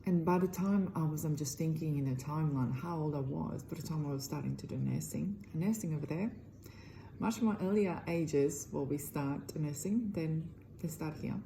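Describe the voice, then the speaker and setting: A middle-aged Croatian woman, an energy healer, promotes herself earnestly to camera in loosely phrased, Croatian-accented English. Her deep voice is gravelly and mellow at a moderate pace. The audio is poor, with a little hiss or hum.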